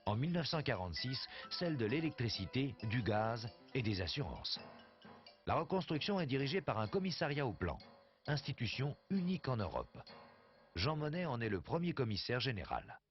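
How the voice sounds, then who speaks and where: A man's voice: medium pitch, very animated, normal speed. A man narrating a documentary from a script. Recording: dull soundtrack with faint music.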